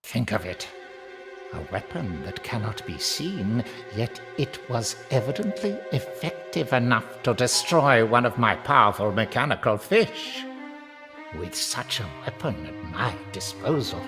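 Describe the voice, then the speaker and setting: An actor playing Titan, a tyrannical undersea ruler, pompous and scornful in an audio drama. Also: male voice, mid-range voice, lively intonation, unhurried, music in the background. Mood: scheming.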